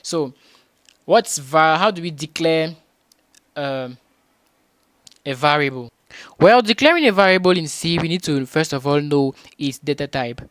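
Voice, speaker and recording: A man's voice: fairly high pitch, animated, unhurried, long pauses, fairly bright tone, no echo. Patient man teaching coding, dry sound. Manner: patient and repetitive, restates points with rhetorical questions; frequent hesitations and restarts. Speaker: programming tutor. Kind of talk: beginner coding tutorial.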